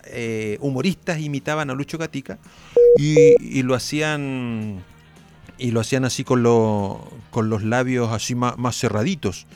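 A man hosting a radio interview, conversational and quick with affirming interjections. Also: medium pitch, fairly even intonation, darkish tone, faint music behind. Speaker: radio host.

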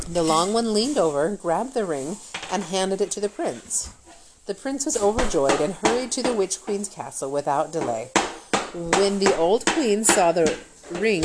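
Woman, storybook reader, low voice, very animated delivery, slight hiss. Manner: expressive, animated reading. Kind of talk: reading a fairy tale aloud.

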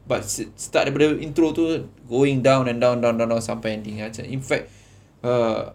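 A man's voice: mid-range voice, fairly even intonation, moderate pace, vocal fry, a little mellow. A Malaysian man hosting a casual film discussion, switching colloquially between Malay and English with 'lah' particles. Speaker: discussion host.

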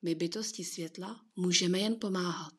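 A woman's voice: lowish voice, breathy edge. A woman playing Gabriela, a soothing being of light. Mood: gentle. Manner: slow, soothing, patient.

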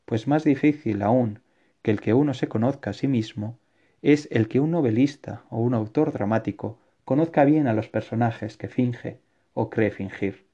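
A man's voice: medium pitch, normal speed, husky, lightly acted. A man voicing a stubborn, anxious young man who argues earnestly with his own author, read as an audiobook. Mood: insistent. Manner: earnest, insistent reasoning. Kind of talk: audiobook reading. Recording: dull lo-fi recording.

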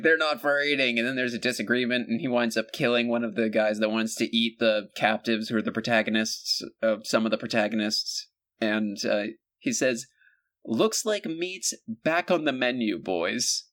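A male podcast co-host with a middling pitch, chatting casually and comically. He rambles and jokes, with frequent fillers and self-corrections. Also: a bit bright. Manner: rambling, joking, many fillers and restarts. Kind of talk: casual comedic chat.

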